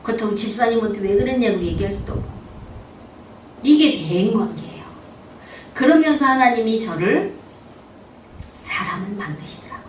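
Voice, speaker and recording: A woman's voice: a little high, lively intonation, normal speed, pauses often, slight background noise. Korean woman pastor preaching in an echoey hall. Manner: storytelling, asks rhetorical questions. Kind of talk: sermon with personal testimony. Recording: echoey room, distant mic, faint background.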